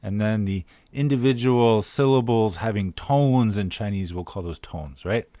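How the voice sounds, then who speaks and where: A man co-hosting a language-learning podcast who explains ideas clearly, like a teacher, with dry humor. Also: on the low side, unhurried, mellow, no room sound. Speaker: podcast co-host. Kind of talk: casual chat.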